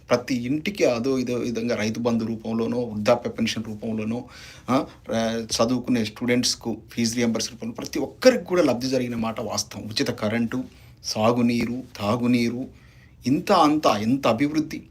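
A man's voice: medium pitch, husky. A man giving a heated political statement, firing off accusations and rhetorical questions. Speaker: opposition party leader.

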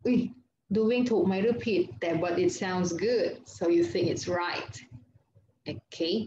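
A woman's voice: fairly low pitch, drawn-out words, darkish tone. A woman teaching English grammar online in a Thai accent, mixing Thai and English and reading out word lists, asking and answering her own questions. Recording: roomy, dull lo-fi sound with faint noise.

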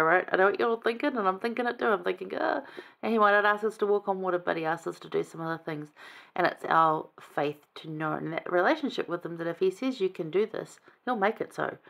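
Woman, casual scripture lesson, chatty and enthusiastic, slightly low voice. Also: vocal fry, fairly bright tone. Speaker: scripture study teacher.

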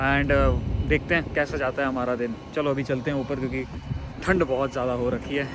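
A man's voice: mid-range voice, fairly even intonation, fairly quick. A young man talking casually to a phone camera held at arm's length, moving between a truck depot and a truck cab. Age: young adult. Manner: chatty, mixes Hindi and English. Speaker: vlogger. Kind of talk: casual vlog talk to camera. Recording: noisy outdoor phone recording.

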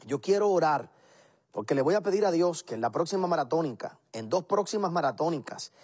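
A middle-aged pastor with a husky, slightly high voice, preaching and praying on television. He speaks earnestly, stacking phrases into emphatic lists as he presses his point. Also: animated, brisk, a little mellow. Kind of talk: televised sermon and prayer.

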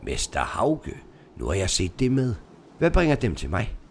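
A man's voice: on the low side, wildly swooping pitch, slight background noise. A man doing a kindly older churchman. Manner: friendly, polite. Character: kindly older male dean, courteous.

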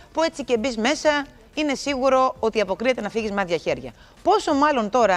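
A middle-aged woman hosting a TV game show, talking to viewers in a chatty, playful way. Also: a little high. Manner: lively, chatty and playful, talks straight to viewers. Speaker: TV show host.

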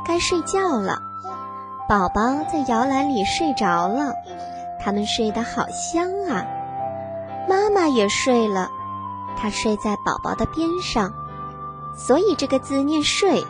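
A high-voiced woman teaches small children in the manner of someone reading to a toddler. Her pitch swings in a lively singsong, and she goes slowly through simple scripted lines, repeating words to be followed. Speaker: children's literacy teacher and narrator.

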